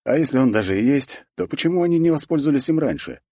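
A man's voice: mid-range voice, lively intonation, fast talker, darkish tone, slightly rough, dry recording, studio quality. A man narrating a first-person fantasy audiobook in a matter-of-fact, wry way.

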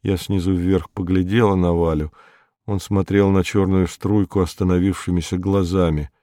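A man narrating a literary audiobook in a measured, calm way. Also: low-pitched, no echo, studio quality. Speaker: audiobook reader.

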